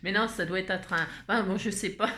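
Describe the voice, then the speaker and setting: A woman's voice: medium pitch, steady tone, brisk, sharp tone, echoey room, a little hiss or hum. A woman from Burgundy with a Burgundian French accent, chatting through a craft tutorial in a rambling way and often laughing at herself. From Burgundy, France. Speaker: craft vlogger. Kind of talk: casual chat and craft tutorial. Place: indoor room away from home.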